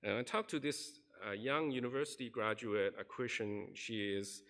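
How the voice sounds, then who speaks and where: In a church sanctuary, a pastor preaches a sermon, earnestly recounting a story and acting out the people he quotes. His mid-range voice moves at a normal speed with a fairly bright tone.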